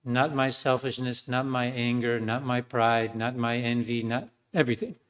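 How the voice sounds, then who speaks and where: A man's voice: mid-range voice, flat delivery, normal speed, a bit bright. A man preaching a sermon as a priest, earnest, with some fillers and restarts.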